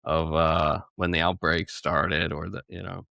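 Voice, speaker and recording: A man's voice: deep voice, flat delivery, measured pace, vocal fry, sharp tone, no room sound, studio quality. A young man co-hosting a casual gaming podcast, rambling through his thoughts and laughing now and then. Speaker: podcast co-host.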